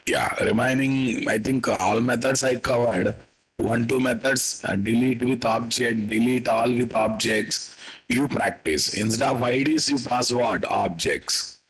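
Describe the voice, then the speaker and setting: A man with a Telugu-influenced Indian accent and a husky voice, teaching a live coding lesson as an instructor, repeating his statements and quizzing listeners with tag questions. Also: medium pitch, measured pace, poor audio. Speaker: programming instructor.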